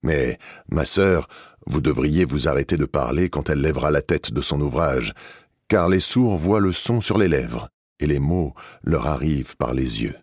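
A man reading an audiobook, voicing an older abbé in an ironic, measured tone. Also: rumbling low, animated, slightly rough, no room sound, studio quality, full character voice.

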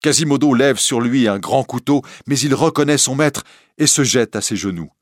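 A man narrating a storybook reading in a calm, measured way. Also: medium pitch, no echo, clean studio sound.

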